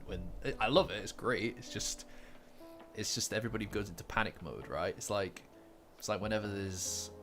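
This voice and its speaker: A man hosting a casual livestream, rambling with many fillers, repeated words and restarts. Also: fairly low pitch. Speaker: manga commentary livestream host. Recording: faint lofi music behind. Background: faint lofi guitar music.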